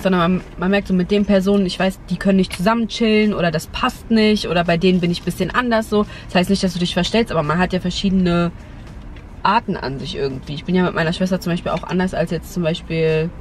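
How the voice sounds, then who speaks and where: A young woman giving casual advice as a vlog host, chatting inside a car. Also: lowish voice. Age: young adult. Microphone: camera on the dashboard. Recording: noisy car interior, outdoor ambience.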